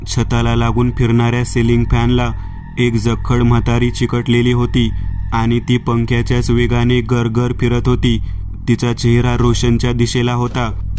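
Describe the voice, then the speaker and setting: A man reading a horror story aloud in a slow, steady scripted narration. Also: medium pitch, slight background noise.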